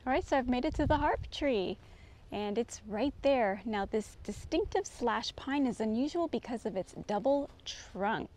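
Her voice sits on the high side, expressive and a little mellow, moving at a moderate pace. She's a middle-aged vlogger strolling a forest trail, casually describing and pointing out what she passes in an easygoing manner. The audio comes from a handheld camera often kept at a distance, with faint noise from outdoors.

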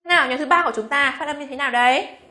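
A young woman with a Vietnamese accent teaching English pronunciation, coaxing and slowly repeating each word with frequent check questions. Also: high voice, pushed and bright, reverberant. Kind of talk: classroom pronunciation lesson.

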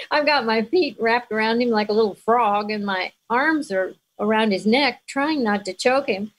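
A woman's voice: fairly high pitch, animated, unhurried, rough recording. An older woman, a guest in an interview, telling stories about her past with frequent laughter. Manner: warm storyteller, laughs often. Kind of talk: reminiscing conversation.

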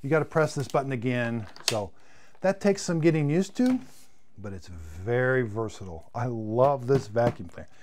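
A lively, mid-range, slightly mellow voice at a moderate pace belongs to a product reviewer in his fifties demonstrating cleaning gear live. Enthusiastic and chatty, he repeats words as he goes while losing his voice, in a home studio lined with vacuum shelves, with slight background noise.

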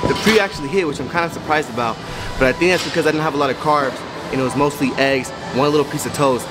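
A man's voice: on the high side, fast, loud music behind the voice. A man in his twenties talking casually to a handheld camera, hyped and slangy, swearing freely about workouts. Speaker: fitness vlogger. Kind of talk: casual vlog talk. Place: car, gym and home.

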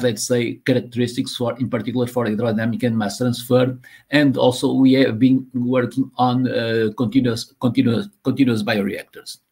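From a home or office room, a man in his sixties from Portugal, guest lecturing for a university, presents slides over a video call using a laptop or webcam mic. His Portuguese accent and mid-range voice come through as he speaks haltingly, repeating words and using many fillers.

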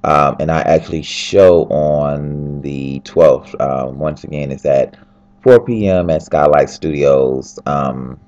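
Speaking very slowly in an extremely low, slightly mellow voice, a just-woken fashion designer chats in an upbeat, meandering way from his bed at home. He's recording a relaxed video diary on a flip camera held in his hand, and the sound quality is lo-fi.

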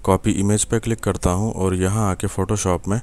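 Deep-voiced Pakistani man teaching software. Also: level tone. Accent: Pakistani Urdu. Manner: patient, step-by-step, many fillers and "ٹھیک ہے" checks. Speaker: software instructor. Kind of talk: screen-recorded tutorial.

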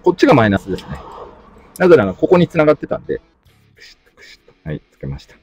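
A man's voice: on the high side, wildly swooping pitch, rapid-fire, darkish tone, breathy edge, soft background music. Chatty man muttering through a repair. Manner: chatty, mutters complaints while working. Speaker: host. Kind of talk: casual DIY car repair tutorial.

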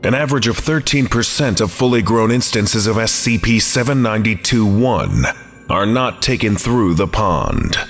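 A man reading an archive file as scripted narration, measured and documentary. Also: on the low side, lively intonation, long reverb tail, soft background music.

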